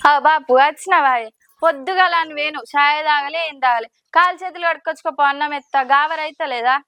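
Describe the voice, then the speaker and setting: A woman's voice: high-pitched, a little fast, pushed and bright, no room sound. A woman playing a bold younger daughter, coaxing and insistent. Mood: pleading. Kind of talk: village drama acting.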